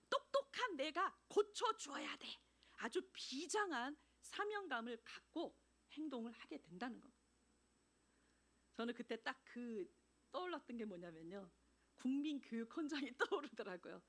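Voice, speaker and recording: Woman missionary preacher: animated storyteller, voice high and swinging. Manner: animated, acts out dialogues, laughs often. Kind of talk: sermon. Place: church.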